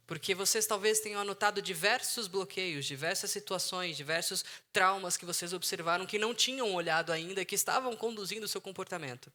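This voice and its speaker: A man's voice: sits high, pushed and bright. A man with a Brazilian Portuguese accent, a psychologist giving an earnest talk that repeats key phrases for emphasis, speaking outdoors. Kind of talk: emotional intelligence talk to an online audience. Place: outdoors in the sun.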